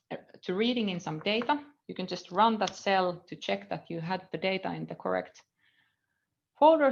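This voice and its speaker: Her mid-range voice is creaky, and the recording muffled. She is a university lecturer in her thirties with a Finnish accent, teaching a live coding lesson at a computer indoors, thinking aloud with frequent fillers and trailing off as she reads code.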